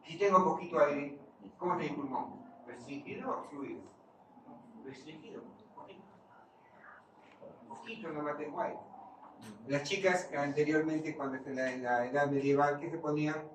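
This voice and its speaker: Male lecturer, higher voice, distant mic in a hall with steady noise; quizzes students as he teaches. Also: normal speed, pauses often. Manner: quizzes the class and answers his own questions. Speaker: physiology lecturer. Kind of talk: classroom lecture with questions to students. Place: lecture classroom. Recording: far-off mic in an echoey room, noisy.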